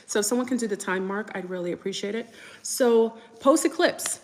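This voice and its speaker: Speaking a little fast in a mid-range voice, a chatty New Yorker with French as her first language hosts a laid-back livestream. The room is reverberant, and she wanders from topic to topic while replying to comments from viewers.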